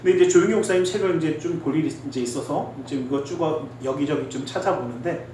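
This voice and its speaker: Man, pastor, earnest sermon, booming church reverb, faint room hiss. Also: fast talker. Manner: earnest, exhorting, swings between loud emphasis and quiet asides. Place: church sanctuary. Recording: very echoey hall, distant mic.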